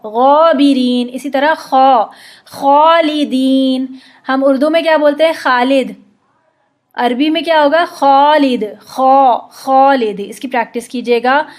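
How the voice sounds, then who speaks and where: A woman teaching Arabic letter sounds, explaining patiently and drawing out slow model pronunciations. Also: high voice. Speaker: Quran recitation teacher. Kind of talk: instructional explanation with slow demonstrations.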